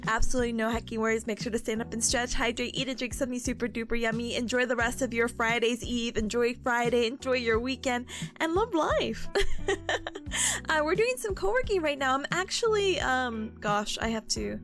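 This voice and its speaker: Very high, cutesy young woman streamer. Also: brisk, faint music behind. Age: 20s. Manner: cutesy, playful speak with baby-talk words and mild substitute swears; giggly, gushing, excitable. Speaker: VTuber streamer hosting a co-working stream. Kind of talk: casual livestream chat.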